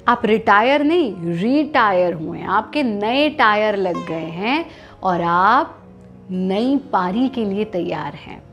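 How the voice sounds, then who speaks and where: A woman with an Indian accent, a yoga teacher giving calm, measured guided instruction. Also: mid-range voice, soft background music.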